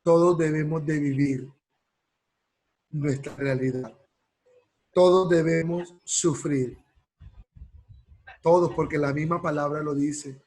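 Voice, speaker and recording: A counseling course lecturer gives a class lecture, asking rhetorical questions and repeatedly checking in with his students. His voice sits on the high side with fairly even intonation and a darkish tone, and he slows right down to stress key words, though the recording is low quality.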